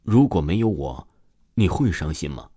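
A man reading the lines of a gentle teenage girl who asks quiet, hesitant questions in a storybook tale. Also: low-pitched, very animated, normal speed, slightly rough, no echo, clean studio sound, exaggerated voice. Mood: wistful.

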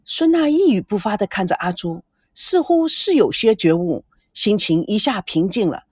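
A woman narrating a storybook in a lively, expressive dramatic reading, close to the microphone. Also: mid-range voice, normal speed, slightly rough, dry recording.

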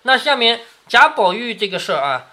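A man reads a classic novel to his daughter, stopping often to explain it in a casual, chatty way. His voice is bright and animated, with a wide pitch range. He keeps checking in with his listener as he goes. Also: a little fast. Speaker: father reading to his daughter. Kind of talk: storytelling reading with commentary.

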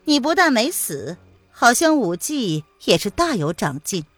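A woman's voice: on the high side, sing-song, unhurried, no room sound, faint music behind, pitched above the performer's own voice. A woman voicing a scheming villainess who poisons people, speaking in a sly, taunting way in a storytelling reading. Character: cold scheming poisoner lady, mocking. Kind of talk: audiobook character voice.

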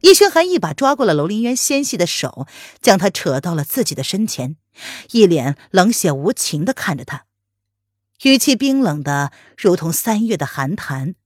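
A woman narrating a palace romance novel as an audiobook, in an expressive storytelling manner. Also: on the low side, moderate pace, dry recording, studio quality.

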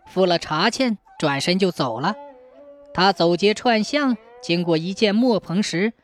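A woman narrating a scripted folk tale in a lively, expressive storytelling manner. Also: medium pitch.

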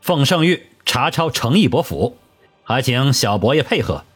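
A man's voice: mid-range voice, very animated, moderate pace, slightly rough, faint music behind. A man voicing a stern male imperial guard captain in an audiobook, giving cold, clipped orders.

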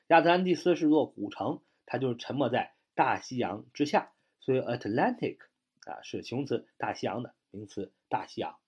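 A man with a slightly husky voice gives an English vocabulary lesson, his pitch rising and falling in lively swings. He spells words out letter by letter and reads the English example sentences slowly, with a drawn-out "ah" between phrases. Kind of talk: explanatory lesson.

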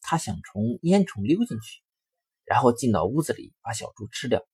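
Husky, lively male storyteller. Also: medium pitch, moderate pace, no room sound. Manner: lively, expressive reading with sharp rises in volume. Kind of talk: children's story narration.

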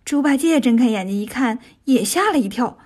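Storyteller, woman, high voice, lively and expressive children's narration. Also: a little fast, husky.

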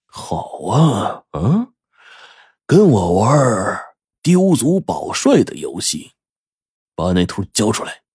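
A man's voice: fairly low pitch, wildly swooping pitch, slow, long pauses, slightly rough, no echo, clean studio sound, exaggerated voice. A man voicing a ruthless, hot-tempered male gang boss who swears and threatens. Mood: furious. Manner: swearing, menacing, bursts of shouting.

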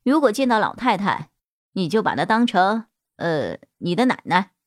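A woman storyteller voicing a male shop boss who talks in a lowered, coaxing, soothing way. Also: sing-song, normal speed, no echo, clean studio sound, natural voice. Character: gruff flustered male shop boss, gentle underneath.

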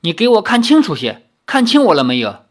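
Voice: medium pitch, brisk, pitched above the performer's own voice. A narrator doing a teasing young chief's daughter. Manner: calm, mocking, confident. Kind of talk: audiobook character voice.

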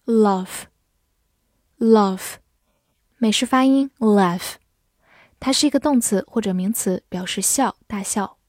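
A woman narrating a scripted vocabulary lesson, saying each English word twice and then defining it slowly. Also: a little high, no room sound, studio quality.

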